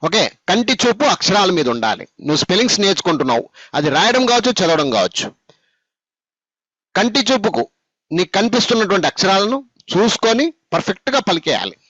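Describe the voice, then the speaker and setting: Lively high-voiced man teaching. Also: dry recording. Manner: patient, repeats and drills, addresses students directly. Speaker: spoken English teacher. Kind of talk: classroom lesson, spelling out letters. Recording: dull, dry lo-fi recording.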